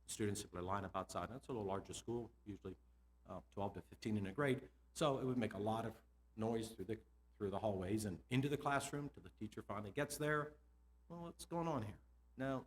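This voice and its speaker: A middle-aged man, a school administrator, giving a lively conference talk to teachers, asking them questions and laughing between points. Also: mid-range voice. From United States.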